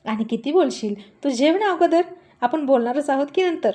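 A woman's voice: high-pitched, expressive, normal speed, dark tone. A woman voicing a sweet-voiced, easily flustered young woman in a storybook narration.

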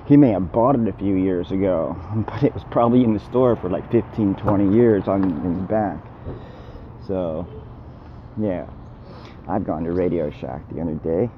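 A man in his fifties grumbling and rambling casually to camera, often repeating himself. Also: sits low. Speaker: vlogger. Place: outdoors, car window and laundromat. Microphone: phone held at arm's length. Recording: muffled handheld phone recording with hum.

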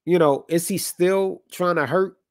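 A stuffy, cold-ridden guy hosts a boxing stream from a home room with colored lights, chatting casually, opinionatedly, and reading the chat aloud. His high voice keeps a measured pace. A dry close mic leaves no room sound.

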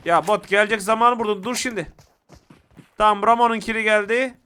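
A young man giving excitable, casual commentary to viewers while playing a mobile shooter game. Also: high-pitched, fairly quick, a little hiss or hum.

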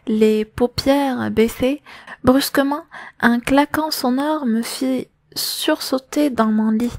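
A woman with a high, light voice reads a novel aloud in an unhurried, even storytelling manner. The recording is close and dry, with no room sound. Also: dry recording. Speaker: audiobook narrator. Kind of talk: audiobook reading of a novel.

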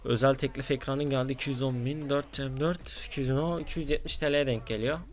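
A man giving casual gameplay commentary as a gaming YouTuber, excitable and quick to flare up at his losing teammates. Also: medium pitch, soft background music.

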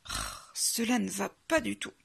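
A woman's voice: medium pitch, wildly swooping pitch, a little slow, vocal fry, fairly bright tone, breathy edge, exaggerated voice. Woman voicing a fussy big bad wolf. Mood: dismayed. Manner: fussy, exclaims in dismay.

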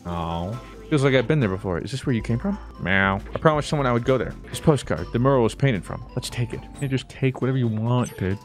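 A man's voice: medium pitch, fast talker, hardly any pauses, soft background music. A young man giving casual, jokey commentary while playing a game, often yelping and exclaiming. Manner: excitable, jokey, frequent yelps and exclamations. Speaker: gaming YouTuber. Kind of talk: casual Let's Play commentary.

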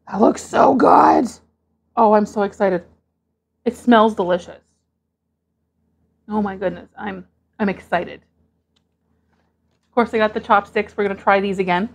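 A Canadian woman hosts her own mukbang video, chatting casually and growing excited over each dish as she unpacks it. Her mid-range voice moves at a normal speed, broken up by long pauses.

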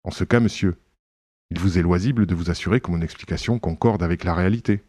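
A man reading an audiobook, voicing a calm chevalier who lectures on a crime with slightly dogmatic assurance. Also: deep voice, fast talker, dry recording, clean studio sound. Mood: assured. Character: suave self-assured gentleman sleuth, Italian chevalier. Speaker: reader voicing a character.

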